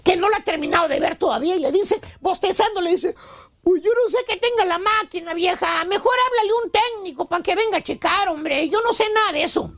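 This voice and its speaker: A squeaky mocking Mexican know-it-all. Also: male voice, brisk, a bit bright. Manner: mocking, rambling, keeps saying caballo. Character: squeaky know-it-all man lecturing his buddies. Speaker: radio show regular. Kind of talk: radio comedy sketch.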